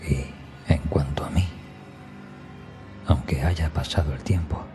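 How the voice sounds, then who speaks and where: Faint music plays behind a scripted first-person horror story told by a man with a very deep voice. His delivery is slow, dark and mellow, frequently sinking almost to a whisper.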